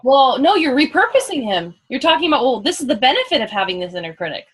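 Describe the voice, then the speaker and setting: A woman's voice: high-pitched, big pitch swings, fast, husky, low-quality recording. A woman coach trainer leading a live coaching demonstration, curious and probing, with an upbeat way of asking questions.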